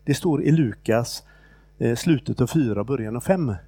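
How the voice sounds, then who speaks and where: Gravelly-voiced man preaching casually. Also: medium pitch, animated, dark tone, no room sound. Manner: conversational, halting, with many fillers and restarts. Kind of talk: informal sermon retelling a Bible story.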